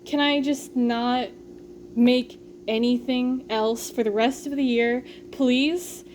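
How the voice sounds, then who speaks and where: A woman's voice: fairly high pitch, steady tone, slow pace, slight background noise. A young woman vlogging while cooking at home, talking casually and rambling with lots of fillers and self-deprecating asides. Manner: breathy, soft narration. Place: home kitchen.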